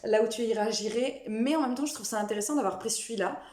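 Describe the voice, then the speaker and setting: Chatty young female vlogger, warm tone, casual and self-mocking. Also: on the high side, fast talker, echoey room. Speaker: book vlogger. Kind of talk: casual chat to camera.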